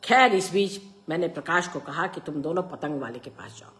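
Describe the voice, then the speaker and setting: Expressive woman storyteller, lively pitch. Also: moderate pace, soft background music. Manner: expressive, raising her voice for quoted lines. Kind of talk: reading a short story aloud.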